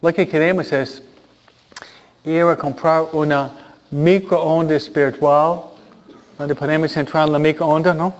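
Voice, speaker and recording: This conversational, humorous sermon comes from a male priest whose slightly high voice keeps fairly even intonation at a very unhurried pace. Frequent hesitations and rhetorical questions to the congregation mark his talk, and the audio is muffled and lo-fi.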